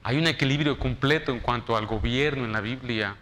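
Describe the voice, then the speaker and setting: A man preaching a sermon in church as pastor, shifting from loud dramatic quotes to soft, quiet appeals. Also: medium pitch, a little fast, a little hiss or hum.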